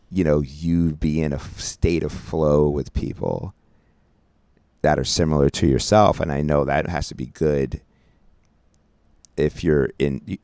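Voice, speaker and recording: A man's voice: very deep voice, a little mellow, smooth, dry recording. A man co-hosting a relationship podcast, talking casually in a rambling, affectionate way and laughing often, in a radio studio. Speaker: podcast co-host. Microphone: studio mic.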